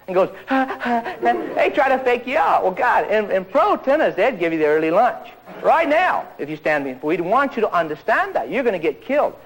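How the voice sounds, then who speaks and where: A man giving an energetic tennis lesson, joking and acting out players' voices. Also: high voice, low-quality recording. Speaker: tennis coach. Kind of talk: energetic tennis instruction talk.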